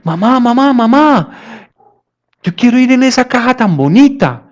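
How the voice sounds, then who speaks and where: Guy putting on a little kid voice, way up high, begging over and over, told in a story. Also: sing-song, normal speed. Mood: pleading. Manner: high, insistent, pleading. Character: small boy pleading, obsessed with death. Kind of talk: storytelling in a talk.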